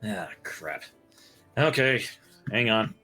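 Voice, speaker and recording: A man's voice: lowish voice, lively intonation, slow pace, bright, forceful tone. A man playing a tabletop role-playing game, talking casually and bluntly in and out of character. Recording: music under the voice.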